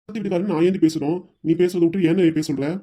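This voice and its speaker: A woman voicing a stubborn, hard-of-hearing old grandfather in a cartoon comedy, with a southern Tamil Nadu accent, demanding and gruff. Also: lowish voice, very fast, warm tone, voice pushed down, close to an everyday voice. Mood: grumbling.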